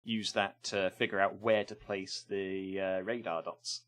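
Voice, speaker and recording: A man's voice: low-pitched, little pitch movement, unhurried, a bit bright. A man casually reviewing games on a live stream, rambling and hesitant with lots of ums.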